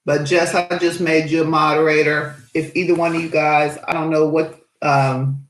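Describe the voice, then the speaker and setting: A woman's voice: low voice, little pitch movement, normal speed, roomy sound, low-quality recording. A woman hosting an aquarium channel in casual live-stream chat, cheerful and chatty as she greets viewers.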